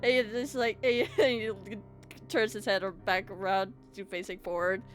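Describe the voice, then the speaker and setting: A young woman running a tabletop game as game master, giggly and lively, with lots of fillers. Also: medium pitch, measured pace, soft background music.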